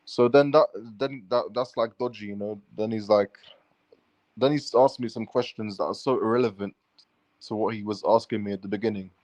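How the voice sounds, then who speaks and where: In casual, rambling style, a vlogger relates a run-in, swearing freely and running his sentences restlessly together. His lowish voice is a little mellow, with a steady tone and moderate pace, and the recording has no echo.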